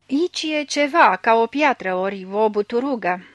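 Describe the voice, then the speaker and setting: A woman's voice: on the high side, animated, dry recording, lightly acted. A woman reading the part of a desperate blind old man who begs and cries out in anguish. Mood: fervent.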